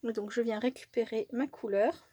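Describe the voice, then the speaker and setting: A woman's voice: a little high, fairly even intonation, normal speed, mellow, no echo. A woman casually narrating a craft tutorial at her table, thinking aloud with little fillers and self-corrections. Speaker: crafting YouTuber.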